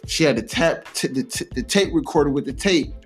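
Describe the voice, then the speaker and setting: A young American man from Cleveland, United States, co-hosts a podcast in a fairly high-pitched, expressive, fairly quick voice. He tells stories in a casual, slangy, profane way, repeating himself for emphasis.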